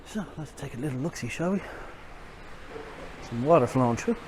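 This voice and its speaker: Irish man, medium pitch, speaking through a face mask, rambling casual tour vlog, outdoor recording, noticeable traffic noise. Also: animated, normal speed. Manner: rambling, self-deprecating. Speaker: walking tour vlogger. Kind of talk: casual walking tour commentary. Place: outdoors on city streets by a river. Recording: noisy outdoor street, traffic ambience. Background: street and vehicle noise.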